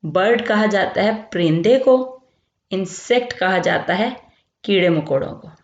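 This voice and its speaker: A woman from Pakistan teaching a grammar lesson. She explains slowly and keeps checking in as she repeats each term. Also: mid-range voice. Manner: explains slowly, repeats terms, says "theek hai" often. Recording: lo-fi echoey room.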